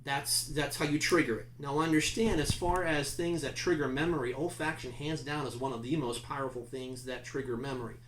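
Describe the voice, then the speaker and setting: A man's voice: medium pitch, fairly quick, few pauses, background noise. Man lecturing in an echoey room. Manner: conversational, emphatic, asks the class questions. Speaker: teacher. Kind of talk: classroom lecture.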